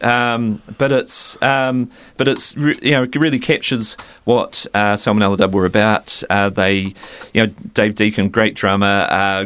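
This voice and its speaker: A man's voice: fairly low pitch, fairly bright tone, clear, resonant tone, dry recording. A man, a guest DJ chatting casually in a radio studio, rambling with many restarts. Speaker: radio show guest, fellow DJ.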